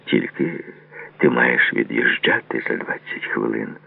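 A curt, guarded gamekeeper read by a man in a very deep, gravelly voice. He answers in short, clipped phrases. The sound is thin and lo-fi, as if heard over a phone line. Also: unhurried, exaggerated voice. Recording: tinny phone-like lo-fi audio.

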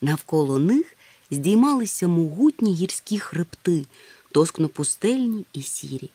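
Low-voiced woman reading a storybook. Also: very animated, a little slow, warm tone, slightly rough, dry recording. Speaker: narrator. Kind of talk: audiobook narration. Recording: faint music underneath.

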